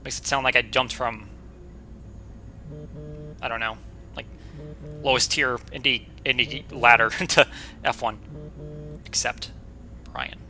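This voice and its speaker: A man hosting a casual let's-play, chatty and joking as he reacts out loud. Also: medium pitch, steady tone, a little slow, long pauses, soft background music. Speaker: gaming video host.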